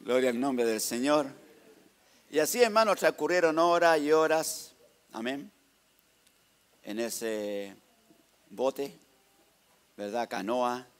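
A man with a Chilean accent giving a lively church testimony, narrating slides and often calling out to the congregation. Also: mid-range voice, slow, long pauses. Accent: Chilean Spanish. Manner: lively storytelling, tags "hermano" and "¿ah?".

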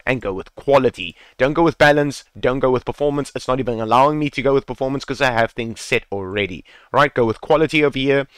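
A man talks through a screen-recorded tutorial in a relaxed, chatty way, repeating his tips and dropping casual swears. His voice sits at an ordinary mid pitch. It comes through a headset mic with a dry, close sound. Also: clean tone, no room sound. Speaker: gaming tutorial creator.

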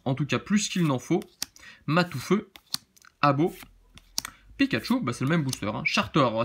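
A man with a southern French accent talks casually through a card opening, sounding a little tired. He rambles along in a chatty flow, his voice sitting at an ordinary middle pitch for a man. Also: fairly bright tone, a little hiss or hum. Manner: chatty and rambling, with frequent filler tags.

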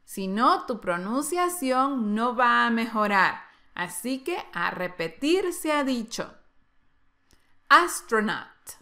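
A woman teaching English vocabulary in a drill, saying each word slowly and deliberately, then giving its Spanish translation. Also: a little high, big pitch swings, pushed and bright. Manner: slow, deliberate enunciation of single words.

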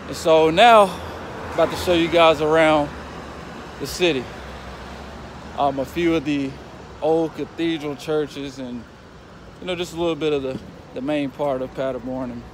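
A man in his twenties, a football player, walking through a city and talking casually to his phone camera, relaxed and grateful. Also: on the high side. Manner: relaxed, grateful, talks while walking outdoors. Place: outdoor city streets and square. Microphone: phone camera held at arm's length. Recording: street noise and passing traffic.

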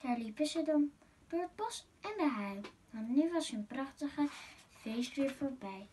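A woman reading a rhyming children's picture book aloud as a masked guest reader, in a gentle, sing-song way. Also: high-pitched, animated, measured pace, a little hiss or hum.

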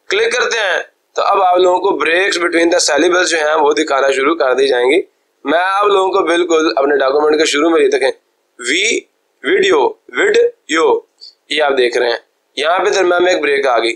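A young man teaching a software tutorial, explaining step by step, slipping English terms into his speech and often checking that viewers follow. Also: on the high side. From Pakistan. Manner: mixes English terms into Hindi-Urdu speech; polite, deferential address to viewers. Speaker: computer teacher. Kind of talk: screen-recorded software tutorial.

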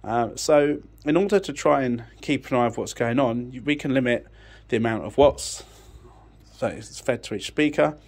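Standing indoors next to an amplifier rack, a man with a medium-pitched voice talks at a moderate pace. He's an audio technician hosting a tech channel, giving an off-the-cuff, matter-of-fact technical explanation while thinking aloud.

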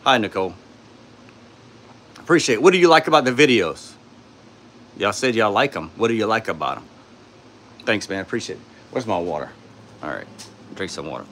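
A man with a sore throat hosting a casual live stream, answering chat in a tired, low-key way from his home studio on a phone. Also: expressive, brisk, pauses often, a bit bright, slight background noise. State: sore throat, speaking softly.

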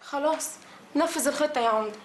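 Young egyptian woman, high voice, rapid questions, echoey room, music , played by an actress. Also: a little hiss or hum, natural voice. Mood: questioning. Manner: quick, questioning. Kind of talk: TV drama acting.

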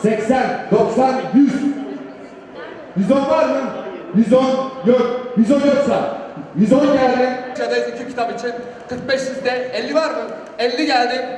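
A man's voice: very high voice, fairly even intonation, a little slow, darkish tone. A man working as an auctioneer, calling out rising bids in a repetitive chant of numbers. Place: large reverberant indoor public space. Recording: echoey hall, distant mic, noisy background.

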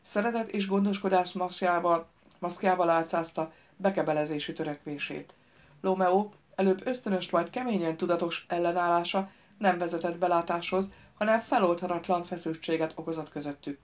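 Low-voiced woman reading an audiobook. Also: highs cut off. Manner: measured storytelling, voicing characters in dialogue. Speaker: audiobook narrator. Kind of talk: scripted audiobook narration.

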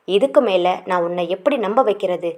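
A woman's voice: medium pitch, a little mellow, lightly acted. Woman reading as a teasing young village suitor. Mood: pleading. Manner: teasing, quick, coaxing. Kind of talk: audiobook character reading.

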